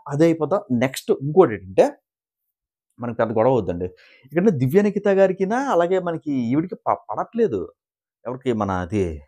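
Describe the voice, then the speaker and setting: A man, chatting casually as he recaps a reality show like gossip for his viewers. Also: medium pitch. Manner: animated gossiping storyteller, asks viewers to like and subscribe.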